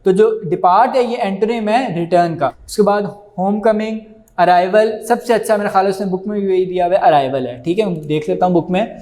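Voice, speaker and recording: A male teacher who speaks natively, reading English textbook lines slowly and then explaining them to young students, whom he calls "beta". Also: high voice, a little mellow. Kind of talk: screen-recorded computer lesson for schoolchildren.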